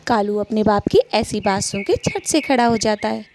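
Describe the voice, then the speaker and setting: A woman's voice: mid-range voice, moderate pace, a little mellow, slight background noise. Woman narrating a cartoon story.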